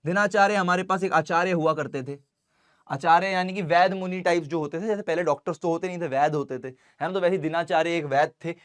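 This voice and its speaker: A young man teaching an online science class, chatty and informal with his students, reading English lines slowly and deliberately. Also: on the high side, clear, resonant tone. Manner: chatty, addresses students as bhai and beta.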